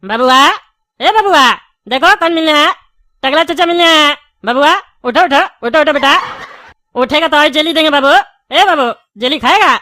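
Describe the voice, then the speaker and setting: A woman's voice: sits high, no room sound, clean studio sound. A woman voicing a chatty, joking bald male candy shopkeeper in a cartoon. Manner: joking, chatty, loud calling. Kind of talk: cartoon voice acting.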